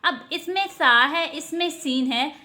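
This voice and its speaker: A woman gives an online tajweed lesson in a high, light voice. She speaks slowly and patiently, holding out each letter sound so students can copy it. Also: sharp tone. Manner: explains patiently, models slow drawn-out letter sounds. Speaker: Quran recitation teacher.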